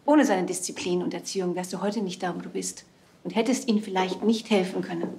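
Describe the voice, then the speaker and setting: A woman's voice: fairly low pitch, a little fast, creaky, darkish tone, a little hiss or hum. An actress playing a middle-aged, anxious mother of a grown son, defensive and admonishing, in a naturalistic TV drama. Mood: reproving.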